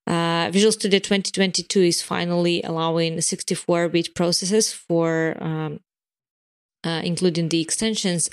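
A woman giving product updates in a casual podcast chat, explaining in long runs with frequent fillers and restarts. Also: fairly low pitch. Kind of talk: casual podcast chat about developer tools.

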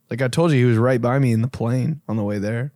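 Gravelly young man, laid-back podcast chat. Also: mid-range voice, normal speed, a little mellow, dry recording, clean studio sound. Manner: laid-back, profane, rambling. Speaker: podcast host.

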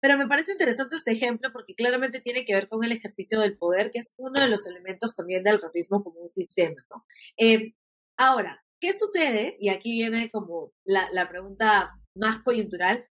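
A woman's voice: on the high side, normal speed, fairly bright tone. A woman hosting a podcast, setting up topics and asking framing questions. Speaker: podcast host. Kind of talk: podcast interview.

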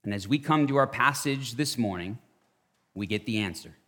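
A man in his thirties preaching a sermon at a pulpit microphone, earnest and dropping to hushed tones for emphasis. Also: medium pitch, animated, moderate pace. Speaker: pastor.

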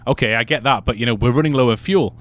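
A man's voice: medium pitch, fast, fairly bright tone. A man playing along in a comic skit, sounding bemused and questioning.

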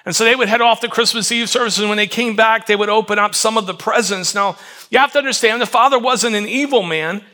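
A middle-aged man, a pastor, giving an earnest Christmas sermon with a story, dropping softer and quieter for emotional moments. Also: sits high, fast talker.

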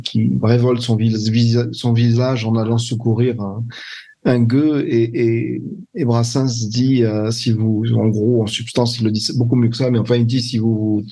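Brief: older male guest, husky, mellow, halting and reflective in conversation. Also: medium pitch. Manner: hesitant, searching for words, many restarts. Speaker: translator, interview guest. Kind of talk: conversational interview.

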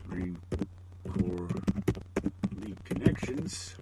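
A man's voice: low-pitched, little pitch movement, slow, very noisy. A middle-aged man hosting a podcast alone, rambling with joking, self-deprecating asides. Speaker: podcast host. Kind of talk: casual solo podcast monologue.

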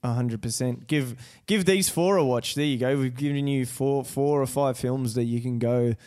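A man's voice: mid-range voice, normal speed, a little mellow, clear, resonant tone. Slangy Kiwi man, casual podcast host. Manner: slangy, sweary, repeats words. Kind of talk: casual film chat.

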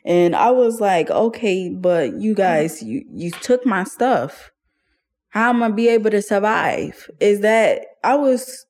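A woman's voice: fairly low pitch, darkish tone. A young woman telling her own story in an interview, candid and casual, using slang and laughing often. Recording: faint music underneath.

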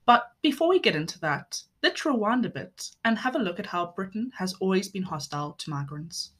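A young woman co-hosting a scripted podcast, reading in a clear, steady way. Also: medium pitch, a little fast, a little hiss or hum. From South Africa. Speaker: podcast co-host.

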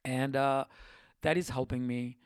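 A man's voice: medium pitch, steady tone, a little slow, clear, resonant tone, no echo. Guy doing a solo podcast, chatty and rambly, lots of ums, dry close sound. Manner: rambling, lots of fillers and self-corrections; self-deprecating, reflective. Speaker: podcast host. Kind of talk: casual solo podcast talk.

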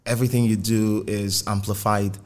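A man's voice: on the low side, level tone, normal speed. A man interviewing in a conversational way, probing and rephrasing his questions as he goes.

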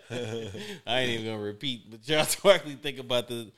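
A man's voice: mid-range voice, expressive, measured pace, creaky, a bit bright. A man co-hosting a casual basketball chat with joking, profane banter.

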